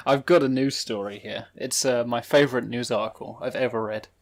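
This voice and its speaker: A man's voice: medium pitch, steady tone, fairly quick. Joking male podcast co-host. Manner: joking, teasing. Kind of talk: casual comedic podcast chat.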